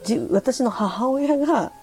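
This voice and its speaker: A woman's voice: high-pitched, warm tone, faint music behind. A middle-aged woman from Japan hosting a casual solo radio chat, hesitant and laughing, reading listener comments. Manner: chatty, laughing, hesitant, switching between Japanese and halting English. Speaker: podcast host. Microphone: phone or desk mic on a streaming app.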